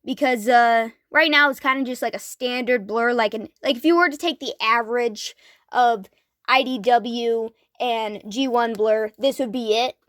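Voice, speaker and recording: A woman's voice: fairly high pitch, moderate pace, fairly bright tone, dry recording, studio quality. A woman in her thirties giving a casual toy review, eager and rambling, with lots of fillers and restarts. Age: 30s.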